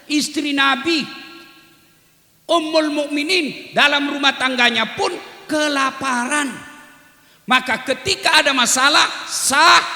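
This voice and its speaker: A man preaching a lively sermon, switching between loud exclamations and slow, hushed recitation. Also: extremely high pitch. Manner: animated, swings from shouting to slow hushed recitation and singing. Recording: echoey hall, long reverb.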